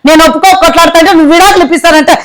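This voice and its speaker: A woman's voice: very high-pitched, steady tone, crowd noise. A woman doing a fiery scolding wife. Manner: rapid scolding tirade.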